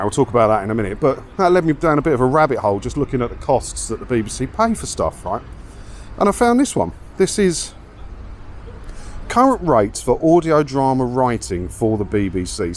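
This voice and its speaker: Walking around a seaside town, a man with a southeast English accent vlogs in a chatty, colloquial ramble, repeating himself and ending sentences with tag questions. His voice is medium-pitched and darkish, with street ambience and traffic audible.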